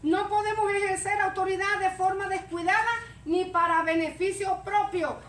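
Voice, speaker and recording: A woman delivers a sermon in a very high, bright-edged voice, acting out stammers and little scenes. She sounds distant from the mic, with church echo and a faint hiss behind her. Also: normal speed. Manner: animated, acts out stammering and scenes. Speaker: preacher. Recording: echoey church room, mic far off, faint noise.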